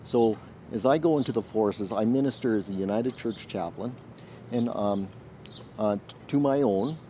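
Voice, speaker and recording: Brief: male chaplain in his forties, thoughtful and searching for words, low and warm, outdoor interview. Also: slight background noise. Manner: earnest, thoughtful, pauses often to find words. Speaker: military chaplain and minister. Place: outdoors in a garden.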